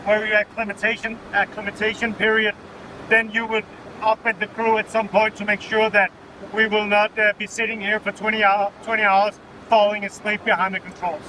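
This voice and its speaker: A man with a Danish accent speaks in a high-pitched voice over a clear aircraft drone. He explains technical things informally and plainly, like a working pilot being interviewed in flight. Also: level tone, brisk. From Denmark. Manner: matter-of-fact, often adding "right?" as a tag. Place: inside an aircraft cockpit in flight. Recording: loud vehicle drone behind the voice. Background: aircraft engine and air noise.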